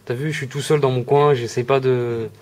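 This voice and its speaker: A man's voice: mid-range voice, steady tone, brisk, darkish tone. A man hosting a casual interview, asking informal questions.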